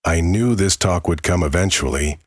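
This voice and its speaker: A man's voice: low voice, normal speed, no room sound, clean studio sound. A man voicing an embarrassed, pleading girlfriend in a horror story, speaking with hesitant, earnest warnings. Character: embarrassed, pleading young girlfriend confessing a frightening secret.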